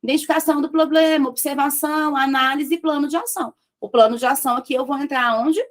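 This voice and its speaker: High-voiced woman teaching business. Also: quick pace. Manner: lively, talks to the audience directly, acts out dialogues. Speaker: business mentor. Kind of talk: business lesson.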